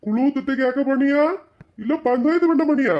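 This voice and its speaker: Brief: woman voicing an angry bullying husband in a cartoon, high-pitched, slightly muffled. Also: a little fast, close to an everyday voice. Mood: scolding. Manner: shouting threats, scolding.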